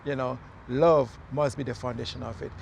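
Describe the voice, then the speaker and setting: A man's voice: mid-range voice, fairly even intonation, normal speed, gravelly, darkish tone, breathy edge. A man from Haiti, a mayoral candidate, talking earnestly in a casual outdoor interview with many fillers and restarts. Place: outdoors in a city near traffic.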